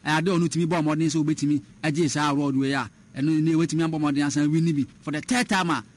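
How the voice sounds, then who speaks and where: This man talks fast, his voice on the high side with fairly even intonation, as he discusses football as a pundit on radio. He code-switches between Twi and English, with frequent fillers and restarts.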